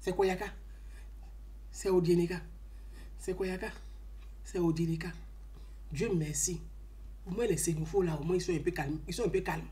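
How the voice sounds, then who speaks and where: A woman with an Ivorian French accent delivering an impassioned political monologue, emphatic and scolding, swinging between loud outbursts and low asides. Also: fairly even intonation, moderate pace, pauses often, a little hiss or hum.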